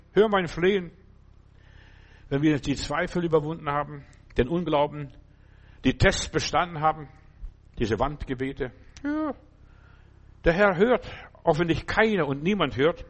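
Fervent preacher man, high-pitched. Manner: fervent, repetitive, swings between loud cries and low murmurs. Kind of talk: sermon.

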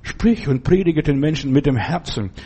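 A man's voice: fairly high pitch, lively intonation, moderate pace, background noise. A man preaching a sermon and reading a Bible story, talking in an earnest, fatherly way straight to the listener.

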